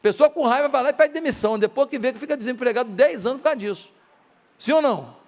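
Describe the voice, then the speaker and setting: A man's voice: extremely high pitch, fast, big-room sound. A male pastor from Brazil preaching a sermon, asking his listeners questions and acting out dialogue. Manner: acts out quoted dialogue in softer voices; asks the congregation rhetorical questions.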